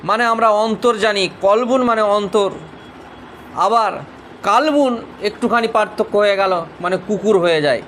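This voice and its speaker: A man's voice: high voice, fairly bright tone, slight background noise. A man with a Bengali accent teaching a Quran reading class, leading the listeners through the letters in call-and-repeat drills. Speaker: madrasa teacher.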